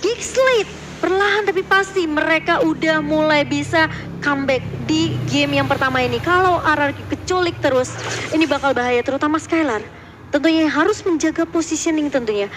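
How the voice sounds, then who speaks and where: A woman with an Indonesian accent giving excitable live esports match commentary as play-by-play caster, drawing out words in big moments. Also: high voice, normal speed, noisy background.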